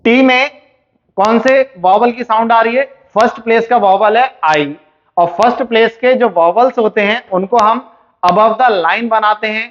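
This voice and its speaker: A man's voice: high voice, moderate pace. A man teaching shorthand in a classroom lesson, explaining step by step and asking and answering his own questions. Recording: dull, muffled lo-fi recording.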